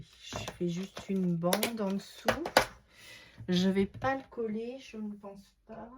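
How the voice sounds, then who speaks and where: A woman's voice: medium pitch, a little mellow, slight background noise. A woman with a Norman French accent giving a casual crafting tutorial, thinking aloud and muttering to herself as she works. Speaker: crafter showing card-making.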